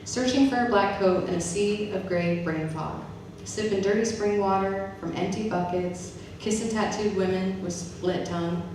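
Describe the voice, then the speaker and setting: A woman who is both poet and professor reads her own poems live at an event, speaking at normal speed with hardly any pauses in a mid-range, slightly mellow voice. The recording is noisy and distant-miked in a very echoey room with an audience.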